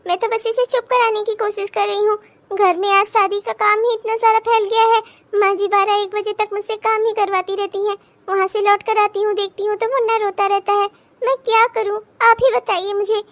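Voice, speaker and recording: A woman's voice: very high-pitched, little pitch movement, fairly quick. A woman voicing a tired young mother in a cartoon, who talks in a pleading, anxious way. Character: tired young mother, the elder sister-in-law.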